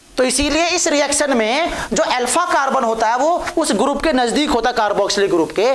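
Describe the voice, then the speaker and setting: A woman's voice: a little high, a little hiss or hum. A woman teaching a chemistry class, coaxing her students with questions that she answers herself. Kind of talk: classroom lecture. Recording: echoey room.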